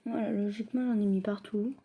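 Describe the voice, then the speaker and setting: A woman giving a casual hands-on craft demo and review, talking hesitantly in halting, often unfinished phrases. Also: medium pitch, steady tone, breathy edge, phone-quality sound. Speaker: craft video creator.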